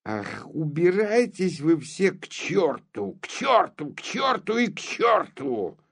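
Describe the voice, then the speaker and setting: A man reading an audiobook voices a hot-tempered old count who shouts. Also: fairly low pitch, very animated, a little slow. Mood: furious.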